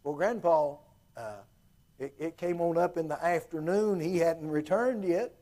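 Man, Appalachian accent, folksy sermon storyteller, slightly high mellow voice, halting repetitive phrasing. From Appalachia, southwest Virginia. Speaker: preacher.

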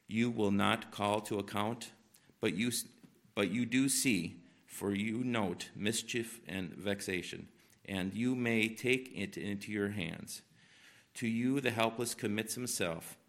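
Low-voiced man reading at a pulpit microphone. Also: fairly bright tone. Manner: measured, emphatic reading aloud. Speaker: worship leader. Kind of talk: scripture reading in church. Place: church sanctuary.

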